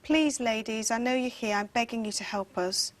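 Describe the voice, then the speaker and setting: A woman leading a seance around a table in a dark room, slowly and insistently calling on spirits to make themselves known. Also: on the high side. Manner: slow, pleading, insistent.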